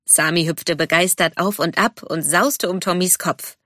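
A woman narrating a children's story in a calm, even storytelling manner. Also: on the low side, unhurried, no echo, clean studio sound.

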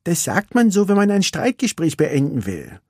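A man voicing a spunky, restless young girl racer in a storybook reading, with a high, cheeky voice. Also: huge pitch swings, normal speed, a little mellow, slightly rough, dry recording, clean studio sound, exaggerated voice. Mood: teasing.

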